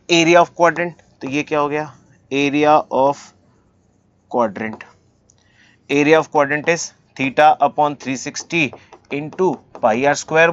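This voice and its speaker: A man teaching maths, solving textbook problems step by step, asking his own questions and answering them in a relaxed, encouraging way. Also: fairly high pitch, muffled recording. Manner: relaxed, encouraging, talks straight to students, asks and answers himself; reads formulas and English sums slowly, word by word.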